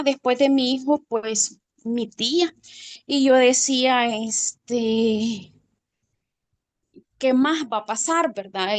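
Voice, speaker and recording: On a video call from her phone, a class participant from Guatemala tells her personal testimony. She speaks hesitantly in a fairly high voice, pausing often, and her voice falls nearly to a murmur in the emotional parts.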